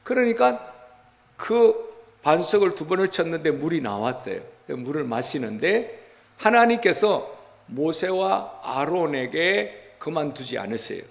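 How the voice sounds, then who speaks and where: A man's voice: fairly high pitch, sing-song, unhurried, creaky, long reverb tail. A man preaching a Sunday sermon as pastor, retelling scripture in a conversational way and putting rhetorical questions to his congregation. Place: church sanctuary.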